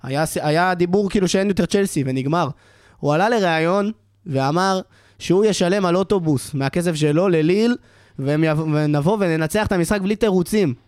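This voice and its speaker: A high-pitched man talks football in an exasperated rant, his voice rising and pushing hard. The sound is close and dry, with no room around it. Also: darkish tone, no room sound. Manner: passionate, exasperated ranting. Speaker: podcast co-host, Chelsea fan. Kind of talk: heated casual football chat.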